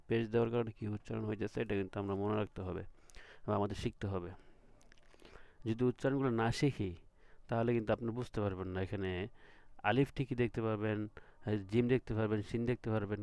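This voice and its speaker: A man's voice: on the low side, creaky, dark tone, no echo. Patient man teaching letter sounds. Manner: patient, repeats each sound and checks with questions. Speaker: Quran reading teacher. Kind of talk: recorded lesson.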